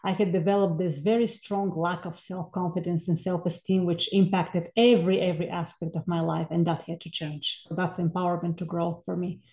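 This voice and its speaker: A woman in her forties, originally from Bulgaria, talks through her story as a podcast guest in an earnest, reflective way. Her voice is mellow and warm. The recording has a roomy echo. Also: fairly low pitch, level tone, fairly quick, hardly any pauses. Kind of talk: podcast interview.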